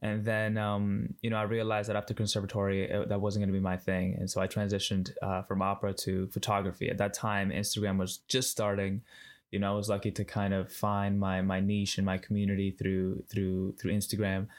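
A man in his thirties from Ecuador talks casually as a podcast guest. His voice sits low and stays flat in pitch. He hesitates often, repeating words and filling pauses as he goes. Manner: hesitant, many fillers and restarts. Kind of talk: casual interview chat.

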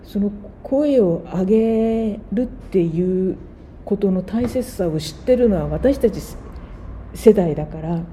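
A woman in her sixties speaks with earnest conviction, circling back to press each point home. Her voice is dark and mellow, at a middling pitch, with a faint hiss of room noise behind it. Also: animated, slow pace. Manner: earnest, reflective, builds points with repeated emphasis. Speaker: interviewer. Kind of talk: earnest conversational interview.

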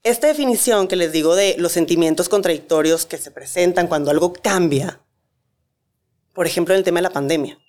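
A woman, a guest expert calmly explaining grief with examples in a talk-show conversation. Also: lowish voice, fairly quick.

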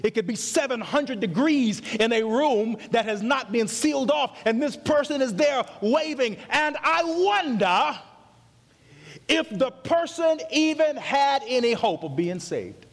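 A male pastor preaching a sermon, telling a story with passion and swinging from loud cries to hushed words. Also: very high voice, lively intonation, measured pace, long reverb tail.

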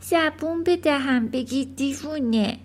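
A woman's voice: high voice, voice pushed up, close to an everyday voice. A woman doing a bold, clever little girl. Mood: sly. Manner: eager, commanding.

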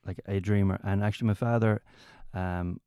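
A fairly low, warm, smooth voice with a steady tone comes through in a clean studio recording with no room sound. The speaker, a comedian from County Mayo with a west of Ireland accent, tells casual stories as an interview guest, often stopping to repeat words and begin phrases again.

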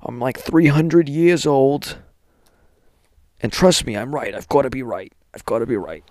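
A man voicing a smug, stubborn, ancient male politician in a breathy whisper. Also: mid-range voice, measured pace, darkish tone, dry recording, studio quality, voice pushed up, close to an everyday voice.

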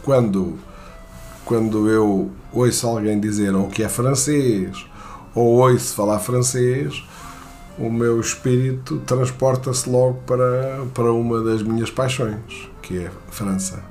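With faint music playing behind him, a man from Portugal shares a personal story in a European Portuguese accent. He hesitates a lot, restarting and filling pauses, and his mid-range voice is mellow.

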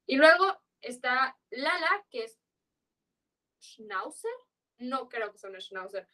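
A twentysomething woman from Yucatán, Mexico, with a strong Yucatán Mexican Spanish accent, rambles casually as a podcast guest, full of slang and fillers. Her high voice is slow, bright and forceful, with big pitch swings.

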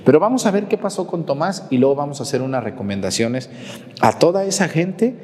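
A man's voice: on the high side, lively intonation, fairly quick, darkish tone. A man with a Mexican accent, a priest giving a sermon in a conversational way, often putting questions to his congregation. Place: church. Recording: long hall reverb in a church.

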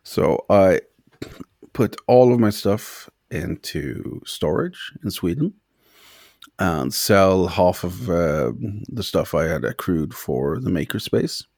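A man's voice: low voice, animated, slow, gravelly, darkish tone, no room sound, clean studio sound. A young man casually telling a personal story as a guest, rambling and hesitant with many fillers.

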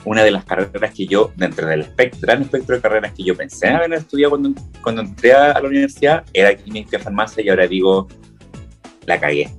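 Campy Chilean-accented man, low-pitched. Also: animated, fast, soft background music. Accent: Chilean Spanish. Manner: campy, rambling, joking. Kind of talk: casual chat.

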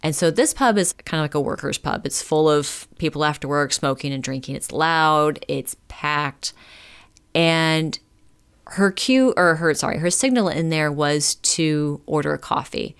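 A woman's voice: sits low, unhurried, fairly bright tone, clear, resonant tone. A woman telling a story in a chatty, casual way, with lots of filler words and the odd swear. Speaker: podcast storyteller.

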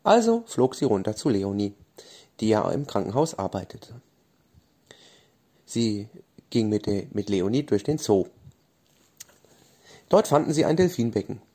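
A man reading a bedtime fairy story aloud in a gentle storytelling manner. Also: fairly low pitch, big pitch swings, a little slow, long pauses.

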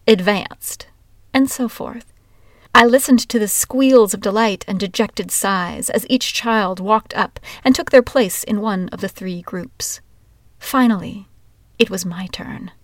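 A woman from Washington state tells her own life story with a wry, candid delivery that shifts between humor and hurt. Her pitch sits mid-range for a woman, and the recording is dry and close. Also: no echo. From Washington, USA. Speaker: memoir narrator. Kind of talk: first-person storytelling.

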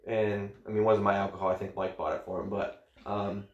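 A man with a fairly low voice talks in a blunt, profane and jokey way. He is answering questions in a casual podcast chat. The sound bounces around an echoey room. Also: flat delivery, fairly quick, muffled recording, a little hiss or hum.

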